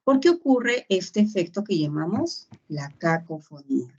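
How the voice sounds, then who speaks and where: Slow, patient woman teaching grammar. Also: fairly low pitch, sing-song, a little mellow. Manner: patient, checks understanding with tag questions. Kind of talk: grammar lesson. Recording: dull lo-fi sound.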